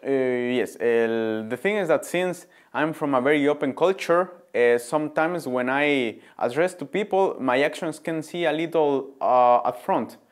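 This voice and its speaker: A man's voice: on the high side, measured pace, few pauses. A man in his twenties from Ecuador with a Spanish accent, answering interview questions thoughtfully with many fillers, seated in a studio. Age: 20s. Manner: thoughtful, hesitant with frequent fillers. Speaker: interviewed student. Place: indoor studio before a printed backdrop.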